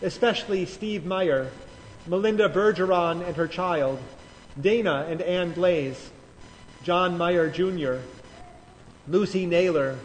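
A high-voiced man leads the prayers of a large church in a slow, measured liturgical cadence. His words roll out into a long cathedral echo. Faint music sits in the background. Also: slight background noise. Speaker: pastor.

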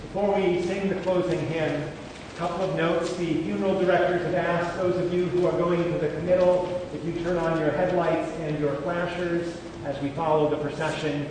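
A man leading funeral prayers as a pastor, with a slow, solemn liturgical delivery and a cathedral echo booming around the large church. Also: flat delivery. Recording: echoey church hall from far off, with background noise.

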